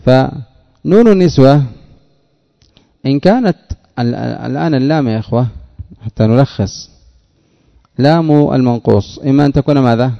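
Male teacher, gravelly voice, quizzes and answers himself, repeats words slowly, muffled lo-fi recording. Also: mid-range voice. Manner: asks questions and answers them himself. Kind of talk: Arabic grammar lesson explaining a text. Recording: dull lo-fi recording.

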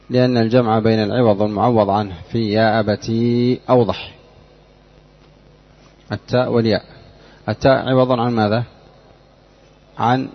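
A man with a somewhat low voice teaches a grammar lesson. His delivery is measured and explanatory, and he keeps drilling the class with questions. The recording is dull and lo-fi. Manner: drills students with repeated questions.

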